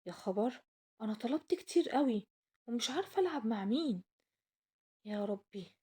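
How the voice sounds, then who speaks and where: A woman with an Egyptian accent voicing an eager, wishful little girl in a children's story, pleading and excitable. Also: a little high, brisk, breathy edge. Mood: overwhelmed.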